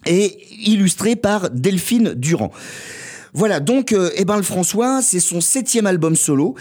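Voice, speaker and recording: A man's voice: sits high, unhurried. Jokey man presenting music on radio. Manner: relaxed and jokey, with frequent hesitations. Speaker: radio host.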